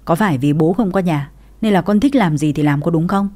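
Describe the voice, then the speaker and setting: A woman's voice: lowish voice, fairly quick, dark tone, lightly acted. A woman voicing an angry, stern older father-in-law in a read-aloud story.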